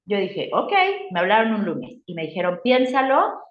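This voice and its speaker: A middle-aged woman with a Mexican accent tells her career story in a casual interview and acts out her own past reactions with lively voices. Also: medium pitch, moderate pace. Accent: Mexican Spanish. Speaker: guest. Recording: roomy, slightly dull sound.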